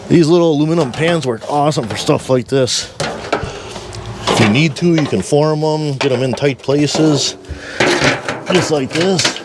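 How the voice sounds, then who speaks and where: A man narrating casually while wrestling with a boat engine, grumbling wryly to himself and strained from the cramped spot. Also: medium pitch. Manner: grumbling, wry, talks to himself while working. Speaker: DIY mechanic vlogger. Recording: noisy workshop recording.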